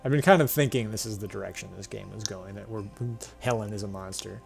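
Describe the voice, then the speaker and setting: A man's voice: fairly low pitch, fairly even intonation, quick pace, creaky, a little mellow. A man streaming a game live, making joking, bemused asides, with faint music behind.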